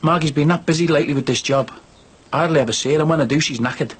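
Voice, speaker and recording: A man's voice: fairly high pitch, racing, slightly rough. A man playing a defensive married builder in a naturalistic soap drama, pleading his case with indignant self-justification. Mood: aggrieved. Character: defensive married builder, son, confessing an affair.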